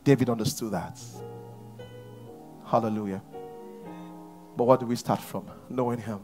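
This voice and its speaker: A pastor in his thirties with a Nigerian English accent, preaching a sermon on a large church stage and swinging from shouts to near whispers. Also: mid-range voice, steady tone, moderate pace, soft background music.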